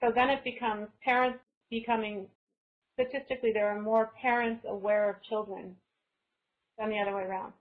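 A woman's voice: medium pitch, fairly even intonation, normal speed. A woman from Canada, a guest author in a thoughtful, casual webinar conversation who often restarts her phrases as she thinks. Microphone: video call. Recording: slightly dull lo-fi video call audio.

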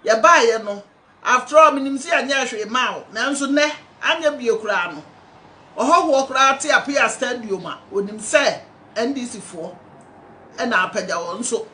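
A woman's voice: on the high side, expressive, normal speed, pushed and bright. An older Ghanaian woman speaking to a phone camera indoors, scolding, pleading and preaching at someone in an impassioned address. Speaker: party supporter. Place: indoor room at home. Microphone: phone camera close up.

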